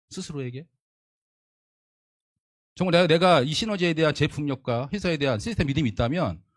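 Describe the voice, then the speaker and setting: A man's voice: on the high side, no room sound, studio quality. A man giving a motivational leadership lecture in an emphatic style, repeating his points and asking his audience rhetorical questions.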